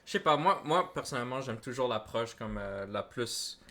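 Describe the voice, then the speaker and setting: A man's voice: mid-range voice, normal speed. A man, hosting a reaction video in casual, slangy chat that drifts into English. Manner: animated, slangy, mixes English into French.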